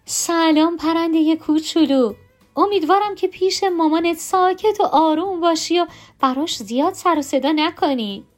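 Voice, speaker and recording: Woman doing a tired storybook mom, firm and a bit fed up, high voice, soft music behind. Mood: gentle. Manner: scolding, firm. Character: tired, firm mother of a noisy boy.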